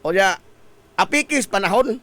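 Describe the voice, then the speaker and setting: A man hosting a morning radio show, chatty and joking, his voice hoarse from a cough and cold. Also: high-pitched, expressive, moderate pace, fairly bright tone. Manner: jokey, laughs often at his own quips. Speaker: radio host.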